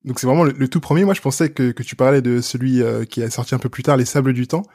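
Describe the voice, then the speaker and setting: A man's voice: mid-range voice, fast talker, a little mellow, breathy edge, dry recording, clean studio sound. A man hosting a video game podcast, introducing a guest and asking questions with some fillers. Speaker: podcast host. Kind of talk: podcast interview.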